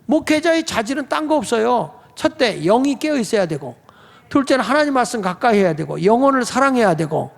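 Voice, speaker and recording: High-voiced pastor preaching in a reverberant church. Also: male voice, sing-song, fairly quick, vocal fry. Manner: conversational preaching, asks the congregation questions. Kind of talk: sermon. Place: church sanctuary.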